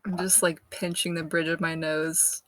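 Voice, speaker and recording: A woman's voice: deep voice, little pitch movement, moderate pace. A woman playing a tabletop role-playing game, talking in a wry, exasperated way. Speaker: player. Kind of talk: tabletop role-play chat.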